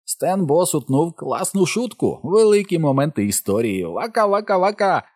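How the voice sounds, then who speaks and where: A man's voice: fairly high pitch, big pitch swings, moderate pace, darkish tone, no echo, studio quality, voice pushed up. A man doing a brash joking boy. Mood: teasing. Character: wisecracking loud boy clown, about eleven.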